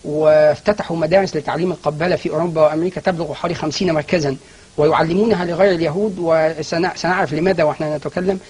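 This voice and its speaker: Guy guest on a tv talk show, talks super fast, bit husky, keeps restarting his words. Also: a little high, steady tone, a little mellow. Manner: fast, explanatory, frequent restarts and fillers. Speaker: guest scholar. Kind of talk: studio TV interview.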